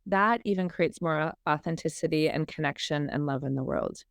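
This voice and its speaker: Podcast guest: woman from Minnesota, lowish smooth voice, dry close mic, explanatory. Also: moderate pace, dry recording. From Minnesota, USA. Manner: warm explanatory, acts out inner voices. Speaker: guest, emotional healing coach. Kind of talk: podcast interview.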